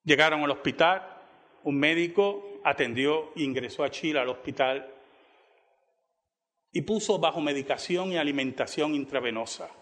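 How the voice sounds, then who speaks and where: Bright-voiced preacher in a reverberant hall. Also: male voice, normal speed. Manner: dramatic, acts out quoted dialogue with rising pitch. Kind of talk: sermon storytelling. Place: church.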